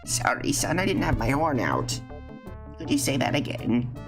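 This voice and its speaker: A man voicing a hard-of-hearing old shopkeeper who uses an ear horn, in a quavery, high old voice. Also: big pitch swings, moderate pace. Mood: apologetic. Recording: game music playing behind.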